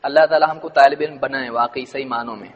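A man's voice: medium pitch, fairly even intonation, long reverb tail. A man teaching a religious lesson to a gathered audience, asking rhetorical questions and answering them, explaining word meanings step by step.

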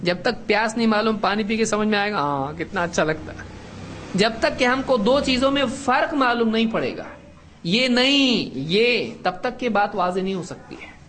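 A man's voice: high-pitched, expressive, a bit bright, a little hiss or hum. A middle-aged man giving a religious lesson to a class, asking questions and answering them himself. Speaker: religious teacher. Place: classroom with students.

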